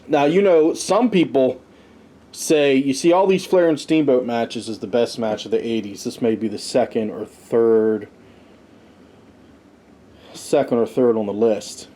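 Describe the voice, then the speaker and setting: Warm and medium-pitched, a man speaks a little slowly as he hosts a podcast looking back at wrestling history. He goes down a list with easygoing commentary and personal asides.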